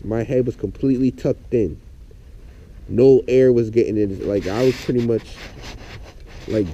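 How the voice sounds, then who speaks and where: This outdoor gear vlogger has a mellow, lowish voice and speaks casually, without a script, directly to his viewers. The setting is a yard, where he's in and around a tent.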